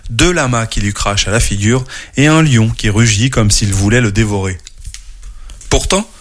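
A man hosting a children's show, teaching English words slowly and telling a storybook tale. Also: mid-range voice. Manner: slow, clear, spells out words for kids.

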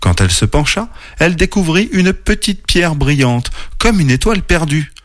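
A man's voice: on the high side, big pitch swings, moderate pace, dry recording. Man narrating stories for children. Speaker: children's storyteller.

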